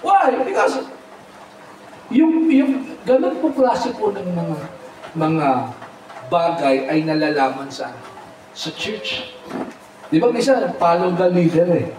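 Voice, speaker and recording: A man preaching as a pastor, animated and humorous, mixing English phrases and often calling out amen. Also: high-pitched, slow pace, long pauses, far from the mic, a little hiss or hum. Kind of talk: Tagalog sermon with humor. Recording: echoey hall, mic from afar.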